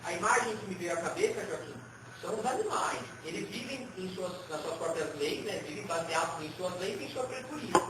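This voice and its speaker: Participante homem, conversa informal e narrativa, gravado de longe com ruído de fundo claro. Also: male voice, sits high, lively intonation, fairly quick. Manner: chatty, frequent tag questions. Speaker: participant in spiritual session. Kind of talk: casual conversational storytelling. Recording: distant mic in echoey room with noise.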